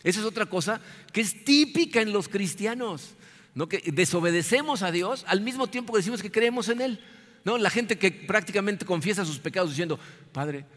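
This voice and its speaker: A man preaching a sermon, lively and conversational, often checking in with his listeners. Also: high voice, fairly quick. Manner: animated, asks "¿no?" after most sentences. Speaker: pastor. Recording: long hall reverb.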